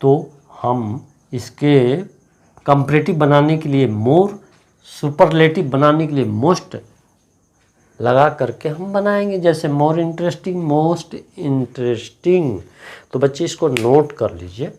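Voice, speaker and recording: A male English teacher with a Hindi accent, explaining grammar rules slowly and repeating each word to drill it. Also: on the high side, lively intonation, a little mellow. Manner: slow, deliberate, repeats words to drill them. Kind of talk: classroom grammar lesson.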